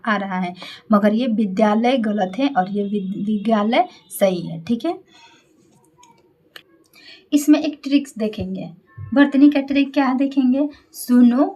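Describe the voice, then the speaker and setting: A woman with a slightly high voice teaches a grammar lesson in a patient classroom manner. She goes over each point more than once, sounds words out syllable by syllable and keeps checking in with her listeners before moving on. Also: warm tone. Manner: repeats key points, checks in with "ठीक है" often.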